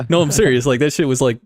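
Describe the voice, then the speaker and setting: A young American man co-hosts a gaming podcast, chatting in a laid-back way and laughing often. His voice is a little high, and the recording is dry and of studio quality.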